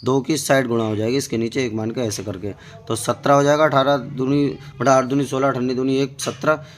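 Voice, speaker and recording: A man's voice: mid-range voice, fairly even intonation, a little fast. A male math teacher working through board-exam problems step by step, often putting questions to his students. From India. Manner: explains step by step, keeps asking the students questions. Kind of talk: board-exam tutoring lesson.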